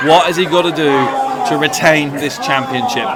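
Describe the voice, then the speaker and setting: Urgent male wrestling commentator, high voice, noisy crowd. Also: moderate pace. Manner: urgent rhetorical questions and repeated exclamations. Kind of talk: excited wrestling colour commentary. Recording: loud crowd and venue noise. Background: loud live crowd.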